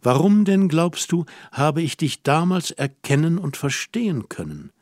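A man reading the part of a worldly, teasing young woman in an audiobook, gentle and lightly mocking. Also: on the high side, lively intonation, measured pace, no room sound, clean studio sound.

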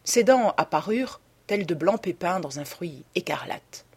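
A woman narrating a classic novel as an audiobook in a measured, storytelling way. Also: fairly low pitch, lively intonation, a little mellow, breathy edge.

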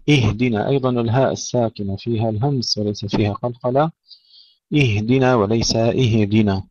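A man's voice: mid-range voice, no echo, lo-fi sound. Man teaching Quran recitation rules. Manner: explains calmly, then recites verse examples slowly and drawn out. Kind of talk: tajweed lesson with slow recited examples.

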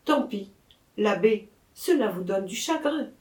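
A woman's voice: mid-range voice, expressive, unhurried, a little mellow, lightly acted. A woman voicing a teasing young actress. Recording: echoey room.

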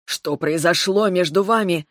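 A woman voicing a short-tempered, protective male dragon who scolds gruffly in an audiobook. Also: fairly low pitch, measured pace, fairly bright tone, dry recording, studio quality. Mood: angry scolding.

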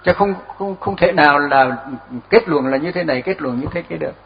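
Older monk giving a chuckling dharma talk. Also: male voice, fairly high pitch, a little fast. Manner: relaxed storytelling with chuckles and repeated words. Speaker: Buddhist monk teacher. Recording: dull lo-fi recording.

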